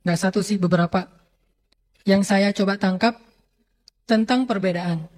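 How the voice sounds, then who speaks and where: A male Islamic preacher giving a relaxed, humorous sermon, acting out everyday examples. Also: sits high, unhurried. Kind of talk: casual conversational sermon. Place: lecture hall or mosque hall. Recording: long hall reverb.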